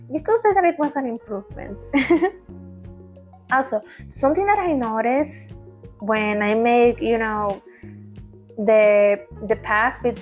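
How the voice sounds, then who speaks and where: A woman vlogging in a casual ramble, laughing often and restarting her words, recorded on a tablet at home. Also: a little high. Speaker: vtuber vlogger. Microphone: tablet mic.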